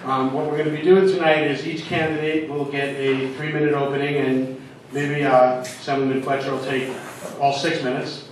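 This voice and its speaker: A man's voice: medium pitch, level tone, moderate pace, background noise. A man moderating a community debate, giving informal announcements with many ums. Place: community hall. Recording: echoey hall from far off.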